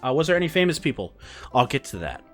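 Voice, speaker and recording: A young man vlogger telling a story in a casual, rambling way, excitable and full of fillers. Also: mid-range voice, fast, faint music behind.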